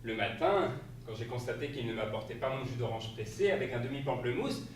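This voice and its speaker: A man's voice: medium pitch, lively intonation, brisk, lightly acted. A man on stage playing a flustered spouse who tells an absurd tale in a comic theatrical monologue. He delivers it in an exclamatory way and laughs through his lines. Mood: flustered, amused. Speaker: stage actor. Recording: echoey stage, distant mic, faint hiss.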